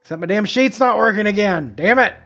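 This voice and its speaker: Man, tabletop gamer, fairly high voice, casual chat, very varied pitch, lo-fi sound. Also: expressive, fairly quick, fairly bright tone. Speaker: player in a tabletop game. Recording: dull lo-fi voice chat, faint music.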